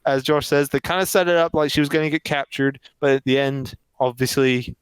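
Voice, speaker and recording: Clear-voiced male podcast co-host, animated. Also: mid-range voice, brisk, no echo, rough recording. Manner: animated and opinionated, laughs often. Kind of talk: casual film review chat.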